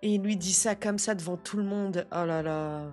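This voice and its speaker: Une jeune femme qui réagit à des vidéos, commentant avec indignation et beaucoup d'argot. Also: female voice, medium pitch, moderate pace, soft background music. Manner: animated, outraged, slangy. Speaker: reaction video host. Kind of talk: casual reaction commentary.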